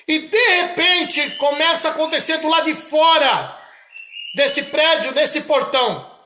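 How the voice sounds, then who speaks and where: A man from Brazil with a Brazilian Portuguese accent, preaching slowly and emphatically about a vision, repeating his phrases. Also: extremely high pitch, lively intonation, bright, forceful tone, reverberant, slight background noise. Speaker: missionary preacher. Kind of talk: sermon recounting a vision.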